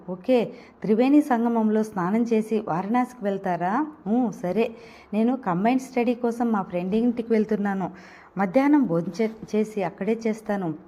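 A woman voicing an assertive young woman student who fires back quick comebacks in an audio novel. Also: a little high, mellow, close to an everyday voice.

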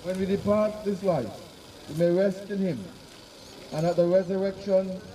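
High-voiced clergyman praying, distant outdoor recording. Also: mellow. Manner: solemn, formal recitation. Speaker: clergyman officiating at a burial. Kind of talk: solemn graveside prayer, read liturgy. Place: outdoor cemetery on open grassy ground. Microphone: far camera behind the speaker. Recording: distant mic outdoors, gathered crowd noise.

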